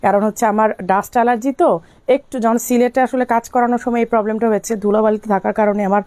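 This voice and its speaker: Slightly hoarse woman selling on a live stream. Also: on the high side, fairly even intonation, a little mellow, no room sound. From Bangladesh. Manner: chatty, answers viewers' comments, mixes in English words; speaks slowly to spare her voice. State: slightly hoarse from illness, coughing. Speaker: online shop owner selling on a live stream. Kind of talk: live-stream sales talk.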